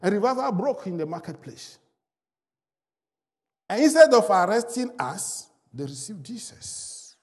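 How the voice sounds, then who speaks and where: Middle-aged male preacher, native French speaker, emphatic testimony style; high-pitched. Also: sing-song, a little slow, pauses often, long reverb tail. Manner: emphatic, rising and falling delivery. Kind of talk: sermon with testimony. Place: large church hall.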